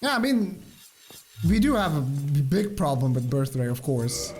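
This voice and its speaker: A man's voice: a little high, very animated, moderate pace, darkish tone. A young man from the Czech Republic, a speedrun streamer, chatting casually with viewers and laughing often.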